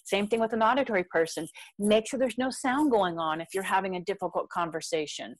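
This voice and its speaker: A woman's voice: medium pitch, fairly quick. A middle-aged woman explaining ideas on communication in marriage in a conversational way, acting out little quotes from her husband. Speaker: guest expert on marriage communication.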